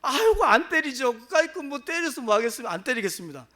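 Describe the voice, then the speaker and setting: A man preaching acts out a hot-tempered drunken husband in a story, shouting threats and later begging. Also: fairly high pitch, animated, brisk, pitched below the performer's own voice. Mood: groveling. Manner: shouting threats, then pleading. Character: angry drunken village husband, later cowering.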